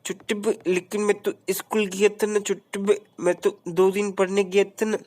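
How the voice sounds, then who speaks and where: A woman's voice: mid-range voice, little pitch movement, normal speed, a little mellow, natural voice. A woman voicing a naive, clueless cartoon boy with a whiny, questioning delivery in a comic gameplay voice-over. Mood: giggly.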